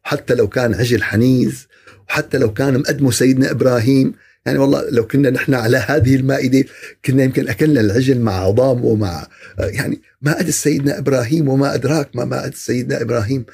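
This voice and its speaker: A man's voice: mid-range voice, racing, gravelly, a little mellow, husky. A man giving a podcast religious talk, asking rhetorical questions and answering them himself. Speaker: religious speaker.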